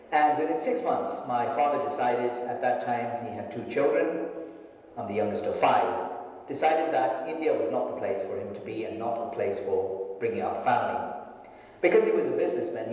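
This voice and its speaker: A man in his fifties from a Sindhi family, raised in Hong Kong and Japan, telling his life story in a measured way. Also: mid-range voice, darkish tone. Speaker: management consultant giving a testimony. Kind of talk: personal testimony in a video. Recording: distant, very echoey video played in a hall.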